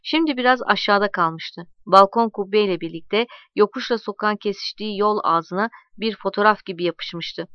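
A woman narrating a story aloud in a calm, measured reading voice, voicing the dialogue as she goes. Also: medium pitch, clean tone, no echo, highs cut off.

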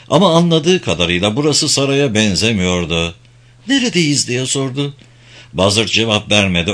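Male audiobook narrator, dramatic storytelling with a lively, varied pitch.

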